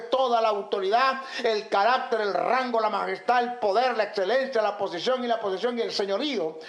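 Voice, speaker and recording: High-voiced preacher teaching emphatically. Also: male voice, fairly bright tone. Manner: fires rhetorical questions, lists terms, emphatic. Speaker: Bible teacher. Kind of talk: theological teaching sermon. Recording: echoey room, faint background noise.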